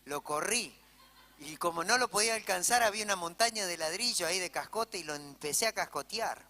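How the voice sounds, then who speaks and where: In a brisk, high, pushed and bright voice with lively intonation, an Argentine-accented pastor preaches in church. He relays stories in a conversational way, peppering them with "¿sí?" to the congregation, and the hall adds reverb.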